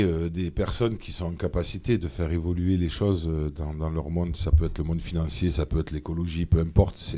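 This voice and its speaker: Homme à la voix grave et sombre. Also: male voice, low voice. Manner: animated, many hesitations. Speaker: guest, member of parliament. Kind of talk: casual political interview. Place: studio of a streamed show.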